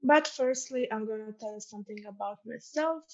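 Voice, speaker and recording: A young woman with a Croatian accent gives an informal programme presentation, earnest and a little hesitant with frequent ums. Her voice sits somewhat high. The sound is dull and lo-fi. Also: a little mellow. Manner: earnest, fills pauses with um and uh. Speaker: student ambassador.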